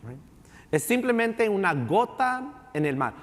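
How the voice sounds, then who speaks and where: A man preaches in a church, his voice pitched rather high and trailing into a long reverb. He slides between languages mid-sentence and repeats his key lines for emphasis. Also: big pitch swings, measured pace. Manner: bilingual preaching, switching into English phrases; ends phrases with a questioning "right?". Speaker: pastor. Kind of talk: sermon. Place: church sanctuary.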